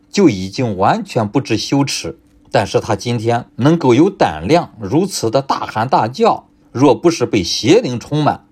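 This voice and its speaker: A man's voice: mid-range voice, a little mellow, slightly rough. A man preaching a sermon in an emphatic style, with rhetorical questions and a voice that keeps rising and falling.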